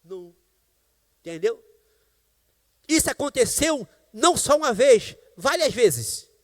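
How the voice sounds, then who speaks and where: A man's voice: very high-pitched, big pitch swings, takes it slowly, long reverb tail. A man pastor with a Brazilian Portuguese accent, preaching a sermon in a large church and telling a personal testimony with exclamations of praise. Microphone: live stream church microphone.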